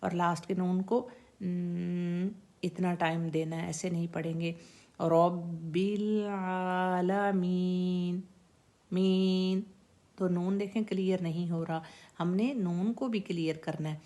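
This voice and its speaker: A woman teaching Quran recitation rules, patiently repeating words and sounds slowly for her students to practise. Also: on the low side, fairly even intonation, warm tone. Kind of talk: slow instructional lesson with recited examples.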